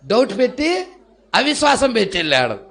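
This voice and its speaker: A fiery male preacher with a high, gravelly voice and a bright edge. He drives his sermon with sudden shouts and cries of hallelujah. When he tells a story, he acts out its characters. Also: huge pitch swings, brisk. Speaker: pastor.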